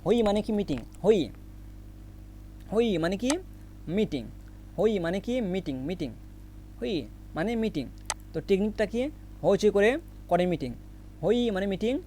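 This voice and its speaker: A man with a high-pitched voice teaching vocabulary. He drills each word in a question-and-answer pattern, repeating it again and again. A faint hum sits under the recording. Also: warm tone. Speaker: Korean language teacher. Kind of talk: recorded vocabulary lesson with memory tricks.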